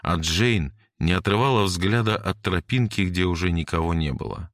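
A man narrates an audiobook in a low, even voice. His storytelling is measured and steady. The recording is close and dry, with no room sound. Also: no room sound.

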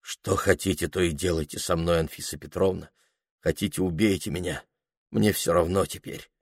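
A man's voice: lowish voice, moderate pace, no room sound, studio quality, natural voice. A man reading aloud, voicing a gloomy down-at-heel man who speaks in a hollow, dull voice.

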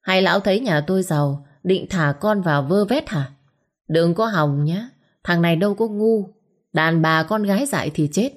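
A woman's voice: fairly low pitch, normal speed, lightly acted. Woman doing a sneering young cad. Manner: sneering, insulting. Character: arrogant young rich man, scornful cad.

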